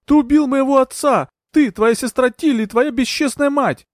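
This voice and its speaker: A man voicing a furious young noblewoman who screams accusations in a shrill, high voice. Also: huge pitch swings, a little slow, a little mellow, breathy edge, no echo, studio quality, exaggerated voice. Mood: furious, shrieking. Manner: shrill, shrieking.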